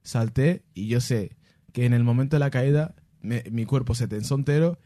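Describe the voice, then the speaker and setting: Dark-voiced man telling stories. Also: mid-range voice, normal speed, no echo, studio quality. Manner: animated, laughing, mimics sounds and voices. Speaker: musician answering fan questions. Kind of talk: casual storytelling.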